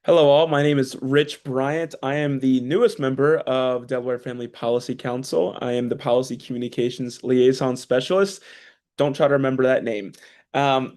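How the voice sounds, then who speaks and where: A man's voice: medium pitch, darkish tone. A young man in his twenties from a policy group, telling a casual, self-deprecating story of his first testimony. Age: 20s. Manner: chatty, self-deprecating, many fillers and restarts. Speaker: policy staff speaker. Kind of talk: casual personal account.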